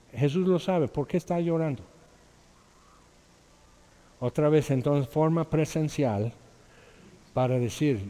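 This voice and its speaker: Pastor in an echoing hall. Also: male voice, mid-range voice, warm tone. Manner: conversational, reads scripture aloud and acts out quotes. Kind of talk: sermon. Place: church hall. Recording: long echoing reverb of a hall.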